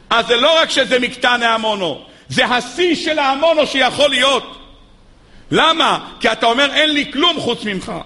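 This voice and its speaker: A man's voice: pushed and bright, in a large hall. A man giving a religious text lesson, reading sources and then driving his points home with rising, emphatic delivery. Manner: rises to high, emphatic pitch when making a point. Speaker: Torah teacher.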